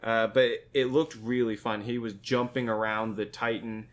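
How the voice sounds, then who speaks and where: Rambling low-voiced man on a podcast. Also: steady tone, normal speed. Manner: rambling, many fillers and restarts. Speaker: podcast co-host. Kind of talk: casual chat.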